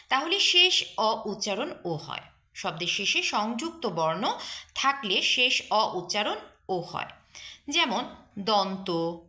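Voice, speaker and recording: A woman's voice: medium pitch, sharp tone. A woman teaching pronunciation, carefully repeating example words and reciting poetry expressively. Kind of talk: slow, deliberate pronunciation lesson with poetry recitation.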